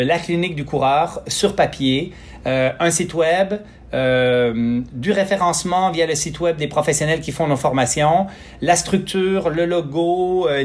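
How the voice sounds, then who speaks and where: Quebec French man, halting and filler-heavy. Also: on the high side. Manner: hesitant, many fillers and restarts. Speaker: podcast guest, physiotherapist. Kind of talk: casual interview talk.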